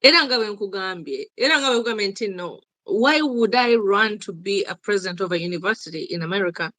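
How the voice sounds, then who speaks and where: A woman's voice: medium pitch, animated, fast, pushed and bright, no echo. A Ugandan woman speaking as an interview guest, emphatic and insistent, repeating her points. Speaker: guest, activist. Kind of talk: interview, mixing English and Luganda.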